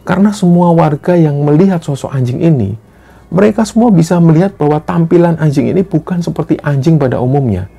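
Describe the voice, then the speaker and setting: Dark gravelly man telling horror stories. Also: a little high, fairly quick, lo-fi sound. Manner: steady, earnest retelling with frequent "nah". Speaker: horror story narrator. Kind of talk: storytelling narration.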